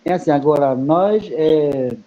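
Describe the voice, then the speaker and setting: Kayapó-native male guest, slow, halting, repeats himself, slightly raised pitch, muffled lo-fi sound. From Brazil. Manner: halting, repeats words with many fillers. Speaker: guest speaker. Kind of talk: explaining in a study group meeting. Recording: muffled lo-fi recording.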